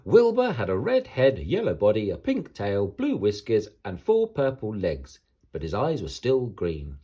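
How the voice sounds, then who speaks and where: A man with a husky, fairly low voice reads a children's picture book aloud, giving it an expressive, dramatic bedtime-story delivery at an unhurried pace.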